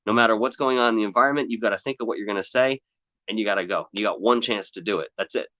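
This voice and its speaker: A man's voice: fairly low pitch, rapid-fire, dull audio, background noise. A tired man hosting a live stream outdoors, chatting casually in a rambling way and greeting viewers by name. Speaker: paranormal show host. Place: outdoors on hills.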